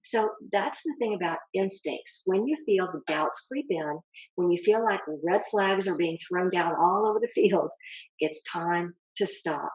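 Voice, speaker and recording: Husky-voiced woman giving calm life coaching. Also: fairly low pitch, a little slow, poor audio. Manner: calm, coaching, addresses the listener with rhetorical questions. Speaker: self-help speaker. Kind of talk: motivational talk to camera.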